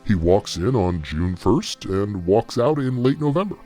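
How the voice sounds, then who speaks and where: A man speaking through a voice-altering effect that pitches him down deep to hide his identity, an anonymous industry insider gossiping and speculating in a comedic mock interview. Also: sing-song, measured pace, mellow, soft background music. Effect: voice altered to disguise identity, pitched down deep. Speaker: anonymous talent agency insider.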